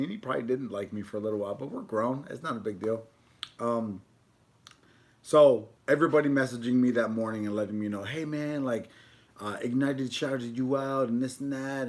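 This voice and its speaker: A man chatting informally on a food livestream, rambling along with casual slang. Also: lowish voice. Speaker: food video creator.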